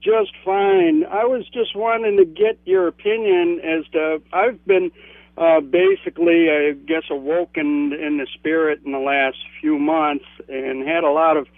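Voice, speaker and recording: A man calling in to a radio show on a cell phone line that keeps breaking up, talking in a halting, hesitant way with lots of fillers. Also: on the high side, fairly even intonation, no room sound. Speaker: caller. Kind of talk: call-in radio chat.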